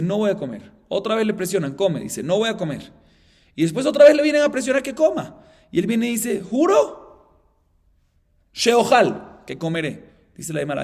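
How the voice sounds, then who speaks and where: A man, a rabbi, giving a Talmud class, explaining fast and acting out the case dialogue, then dropping to a low murmur to read the Aramaic. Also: vocal fry, a little mellow. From Colombia.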